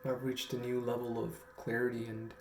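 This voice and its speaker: Sitting indoors in a small home room, a young man from Guam who vlogs stories talks to camera in a personal, reflective way, earnest and halting with long pauses. He has a monotone, mid-range voice. The background is noisy, with a roomy echo and faint music.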